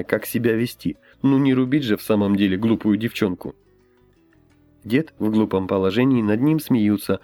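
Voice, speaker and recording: A man reading an audiobook aloud in an expressive storytelling manner. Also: on the low side, dry recording. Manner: expressive, lively. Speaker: audiobook reader. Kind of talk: scripted narration.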